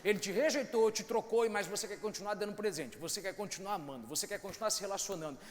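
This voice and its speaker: A Brazilian man preaching a sermon as pastor, impassioned and swinging between quiet and loud. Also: high voice, fast talker. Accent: Brazilian Portuguese. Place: church hall. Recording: reverberant church hall with faint ambience.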